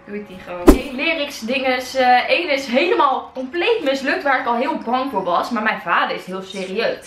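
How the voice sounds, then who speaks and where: A woman's voice: sits high, expressive, moderate pace, distant mic, background noise. A teenage Dutch girl vlogging casually, giggly and nervous as she pranks people by text, often swearing. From Netherlands. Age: teens. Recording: roomy, from the mic, music behind.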